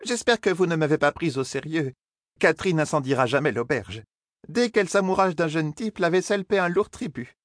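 A man's voice: on the high side, animated, fairly quick, no room sound, clean studio sound, voice pushed up, close to an everyday voice. A man putting on a flustered clucking innkeeper woman. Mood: bustling. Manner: scolding, clucking like a flustered mother hen. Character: fussy bustling middle-aged female innkeeper. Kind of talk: audiobook character voice.

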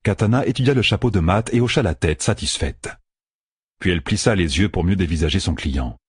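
A man narrating a fantasy audiobook in an expressive storytelling way. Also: low-pitched, brisk, breathy edge, dry recording, studio quality. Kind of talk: scripted narration.

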